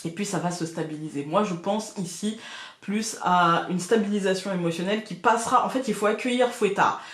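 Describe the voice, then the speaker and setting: A woman talks through a daily tarot reading in a calm, reflective way. She speaks directly to her viewers and reassures them gently. Her voice rings out in a roomy, echoing space at a middle pitch. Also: brisk. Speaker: tarot card reader. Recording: roomy echo.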